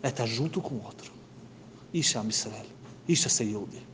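Man, religious teacher, storytelling sermon, earnest, repeats words, soft trailing phrase ends, middle pitch. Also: a little fast, noisy background.

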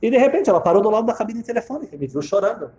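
A man's voice: high voice, very animated, rapid-fire, a little mellow, muffled recording. A man telling a dramatic story in the first person, emphatic and repeating phrases for effect.

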